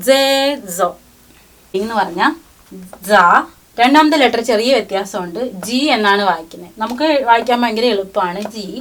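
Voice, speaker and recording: A woman giving a language lesson. She teaches patiently, reading each syllable out slowly and repeating it. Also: fairly high pitch, a little hiss or hum.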